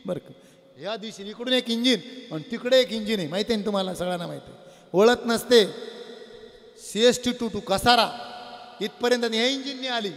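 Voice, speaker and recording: A man giving a devotional sermon before an audience, telling parables in a lively way and asking his listeners questions. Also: high voice, normal speed. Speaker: religious discourse speaker. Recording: long hall reverb.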